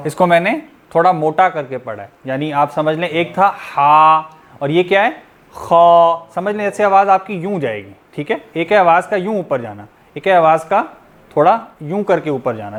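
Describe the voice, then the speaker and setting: Patient male tajweed teacher, slightly high voice. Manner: patient, explanatory, often checking in with "theek hai"; drawn-out demonstration of letter sounds. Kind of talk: classroom lesson on Arabic letter sounds.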